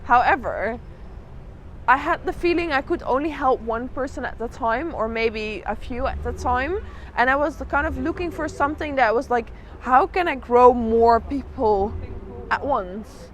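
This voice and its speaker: A woman with a fairly high voice speaks as an interviewed drag artist. She tells her own story reflectively and leans on repeated words for emphasis. Faint city and vehicle noise sits behind her. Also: expressive, a little slow. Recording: noisy outdoor urban spot with traffic.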